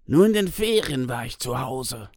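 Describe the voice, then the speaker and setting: A man voicing a troubled father who recalls a harsh childhood at school, with a halting, emotional delivery. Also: mid-range voice, expressive, a little mellow, no room sound, clean studio sound, natural voice. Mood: pained. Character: troubled adult father haunted by school beatings.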